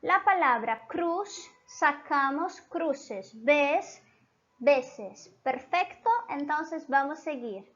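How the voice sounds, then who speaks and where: A woman's voice: high voice, expressive, very slow, fairly bright tone, dull audio. A woman teaching Spanish to Portuguese speakers, whose first language is Portuguese, who keeps checking in with "¿sí?" and "entonces". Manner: switches between Spanish and Portuguese. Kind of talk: online language lesson.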